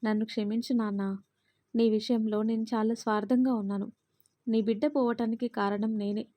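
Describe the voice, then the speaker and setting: Lady doing a sorry tearful mother-in-law, pleading, a bit high and mellow. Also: flat delivery, normal speed, lightly acted. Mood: remorseful.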